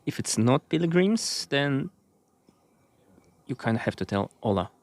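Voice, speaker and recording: A man from Russia talking as a podcast guest, choosing his words slowly and carefully, with many pauses. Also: mid-range voice, lively intonation, no room sound. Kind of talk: casual conversation. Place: outdoors on a walking trail.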